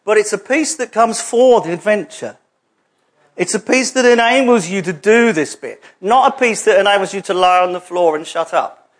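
A man's voice: sits high, moderate pace. A man preaching a sermon in a church hall, conversational and jokey, with asides to the congregation.

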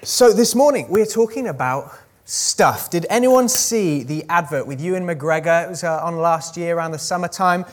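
A man's voice: a little high, animated, normal speed. A man preaching a sermon to a church congregation, in a conversational, jokey way, often asking the listeners questions.

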